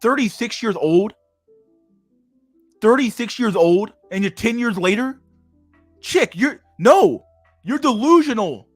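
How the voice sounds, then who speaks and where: Man, 30s, high voice, dry sound with faint music behind; crude, mocking stream commentator. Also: expressive, slow pace, pauses often, no room sound. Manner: mocking, crude, laughs often, reads an article aloud then rants. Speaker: streamer reacting to an article. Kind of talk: casual livestream commentary.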